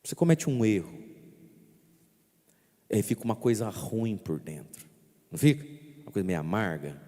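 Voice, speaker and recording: A man's voice: on the low side, sing-song, normal speed, dark tone, in a large hall. A man preaching a sermon as a priest, speaking straight to his listeners and coaxing them along, with a theatrical way of acting things out. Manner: theatrical, acting out inner voices and gestures.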